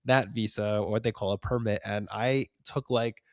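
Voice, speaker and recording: A man, co-hosting a podcast in casual chat, animated and laughing often. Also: lowish voice, moderate pace, dry recording, clean studio sound. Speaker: podcast co-host.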